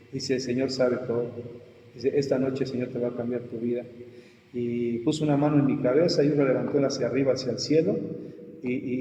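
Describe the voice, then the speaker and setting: A male pastor recounts his testimony in conversation, an animated storyteller who acts out his own cries and the voices of people in his story. His voice is mid-range, and the muffled recording has slight background noise and an echoey room with long reverb.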